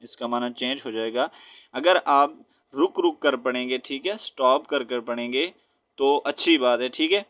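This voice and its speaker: A man teaching Quran recitation step by step, spelling out letters with their vowel marks and often checking in with his listeners, then chanting verses slowly. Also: medium pitch, a bit bright, muffled recording. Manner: switches between quick explanation and slow drawn-out chanted recitation.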